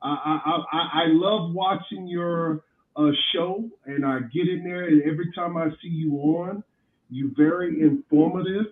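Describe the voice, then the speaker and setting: A man chatting on a livestream through a headset that sounds muffled, with only the bass coming through, as if underwater, speaking encouraging blessings to the host. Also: steady tone, unhurried. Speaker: stream guest. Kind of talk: casual chat on a livestream. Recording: muffled phone-like line with room echo.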